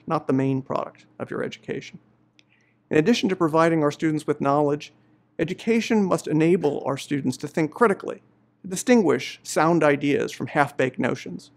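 Middle-aged male professor, gravelly and a bit high, earnest measured address. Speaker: law professor giving faculty greetings. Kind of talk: formal commencement address. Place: indoor studio before a university banner.

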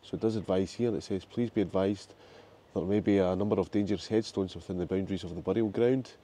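A man, a regular explorer vlogger, who narrates calmly and then talks in a low-key, matter-of-fact way while walking outdoors. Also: fast. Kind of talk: scripted narration and walking commentary. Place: outdoors, village and graveyard. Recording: music behind the voice.

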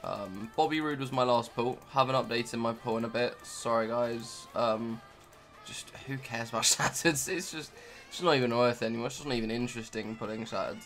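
Soft music plays in the background as a young man, a gaming YouTuber, talks fairly quickly in a mid-range, fairly bright voice over footage of his card game. The commentary is rambling and offhand, packed with ums and fillers.

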